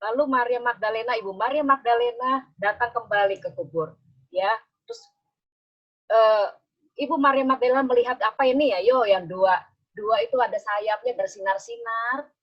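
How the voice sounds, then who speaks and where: A woman's voice: on the high side, moderate pace, muffled recording. A woman Sunday school teacher telling a story to children on a video call, coaxing them with questions.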